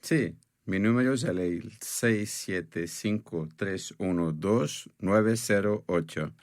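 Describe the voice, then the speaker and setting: Young student, textbook audio, very deep, unhurried. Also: male voice, no echo, clean studio sound. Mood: plain. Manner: short, plain answers. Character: nineteen-year-old Brazilian male student. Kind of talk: scripted textbook audio dialogue.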